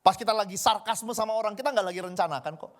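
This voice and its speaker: A man's voice: high-pitched, fast talker. A man preaching a conversational sermon, acting out everyday dialogue in different voices. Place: church service hall. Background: faint keyboard music.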